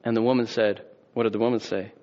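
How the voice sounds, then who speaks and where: A man's voice: on the low side, level tone, fast, darkish tone, muffled recording. A man preaching a sermon as a pastor, casual and conversational, with rhetorical questions and a closing prayer.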